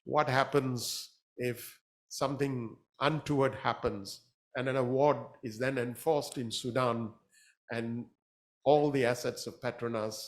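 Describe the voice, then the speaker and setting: A man giving a conference talk as a panel speaker. He hesitates often and fills pauses with "uh". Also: mid-range voice, fairly even intonation. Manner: hesitant, many fillers.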